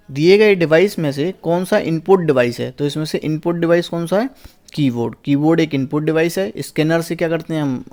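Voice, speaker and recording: A young man as a teacher going through a past exam paper, asking each question aloud and then answering it himself, reading English phrases slowly word by word. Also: fairly high pitch, a little mellow. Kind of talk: exam paper walkthrough lesson.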